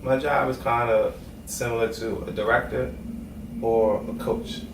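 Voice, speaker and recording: In a creaky, mid-range voice with a steady tone and measured pace, a Brooklyn-raised music executive originally from Trinidad and Tobago chats casually in an interview, often adding "you know what I mean." He's recorded from afar in an echoey, noisy room.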